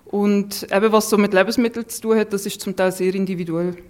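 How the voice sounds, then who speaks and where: Appearing as a guest on a podcast, this food scientist from Switzerland, a woman in her thirties, reflects in a casual way. Her Swiss German accent blends Lucerne, Thurgau and Zurich, and her medium-pitched, darkish voice moves fairly quickly with fairly even intonation.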